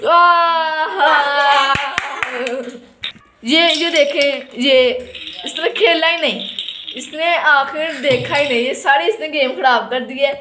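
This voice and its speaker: A woman's voice: high-pitched, a little slow, background noise. A woman, casually narrating a family vlog as she plays a game with her child, teasing and playful.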